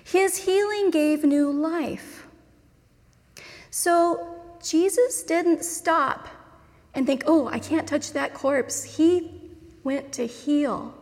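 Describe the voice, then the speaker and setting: A high-pitched woman delivers a sermon at an unhurried pace, weighing each phrase. Her voice rings with the long reverb of a large church hall. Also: a little mellow. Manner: slow, deliberate preaching with measured pauses. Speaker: pastor.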